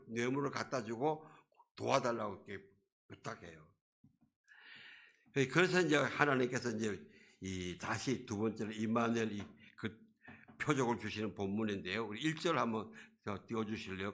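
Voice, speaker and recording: A man's voice: medium pitch, fairly bright tone. A male pastor preaching a sermon to his congregation in a church, in a conversational way, often asking them questions. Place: church sanctuary.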